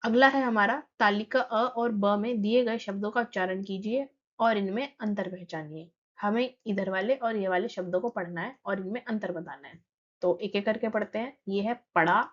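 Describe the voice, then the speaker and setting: A woman teacher talks through a children's lesson at an unhurried, patient pace. She reads verse lines slowly and then explains them plainly. Her voice sits at a middle pitch and comes through a slightly dull, muffled recording.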